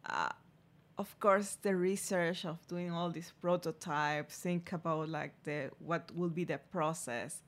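A woman who founded a food company, answering interview questions in a halting way with many fillers. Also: on the low side, fairly even intonation. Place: radio studio.

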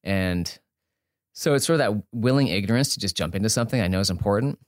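In a casual interview, a podcast guest who is an entrepreneur and author speaks in a fairly low voice, fast and expressive. He thinks out loud and often stops mid-sentence to rephrase. The sound is dry and close, with no room sound.

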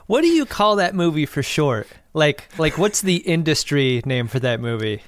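Man, podcast co-host, slightly high voice, dry close recording, wry amused reactions. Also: sing-song, moderate pace, no room sound. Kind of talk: casual chat recapping a TV episode.

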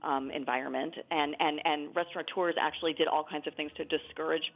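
Gravelly low-voiced woman author over a phone line. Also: fairly even intonation, brisk. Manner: chatty, explanatory, frequent fillers. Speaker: author guest. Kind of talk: conversational interview.

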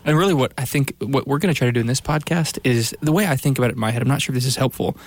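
A man's voice: medium pitch, rapid-fire. A man in his thirties on a podcast, explaining ideas in a thoughtful, conversational way. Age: 30s. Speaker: podcast co-host, theologian. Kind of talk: casual podcast chat.

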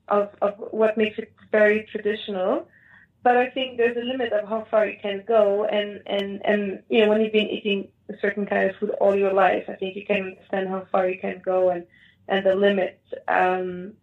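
North African woman on a phone-like line. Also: medium pitch. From Morocco. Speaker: interview guest, Moroccan food cook. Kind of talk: conversational interview answers. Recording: thin, phone-like call audio.

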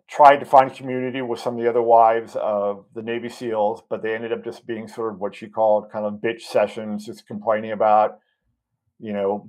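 A man being interviewed as a guest, a doctor, telling a long story in an earnest, halting way, with many ums and restarts and audible emotion. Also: fairly low pitch, a little mellow. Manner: emotionally moved while recounting.

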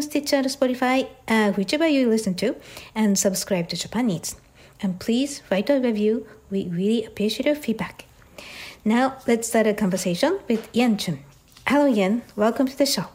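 A woman hosting a podcast interview, speaking in a friendly, slightly halting manner. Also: on the high side, a little mellow. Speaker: podcast host.

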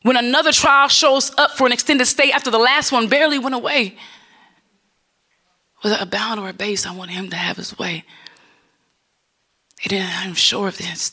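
A woman's voice: medium pitch, sharp tone, breathy edge. A woman from Los Angeles performing a rhythmic spoken word prayer, later introducing herself on a panel. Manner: rhythmic, builds to passionate singing. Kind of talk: spoken word poem with sung hymn.

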